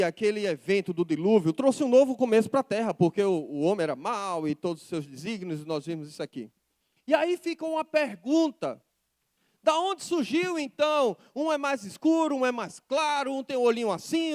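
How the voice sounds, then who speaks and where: A male pastor with a Brazilian Portuguese accent, preaching a sermon in a lively, conversational way and putting questions to the congregation. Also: extremely high pitch, no echo, clean studio sound.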